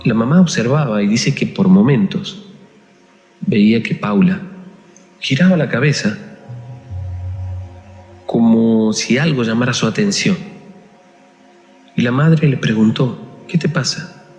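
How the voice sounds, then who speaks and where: A man's voice: mid-range voice, unhurried, pauses often, a little mellow. Man narrating a ghost story. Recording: echoey room with long reverb and faint music.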